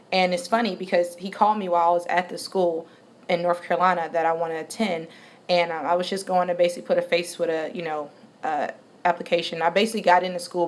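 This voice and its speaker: A woman in her twenties giving a casual vlog update, chatty and rambling, with many ums and restarts. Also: lowish voice. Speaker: vlogger.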